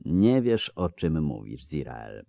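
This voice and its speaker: A man voicing a cold, aloof ancient male elf in an audiobook, slow, measured and quietly threatening. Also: a bass voice, sing-song, creaky, no room sound, lo-fi sound, heavily acted. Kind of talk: audiobook character reading.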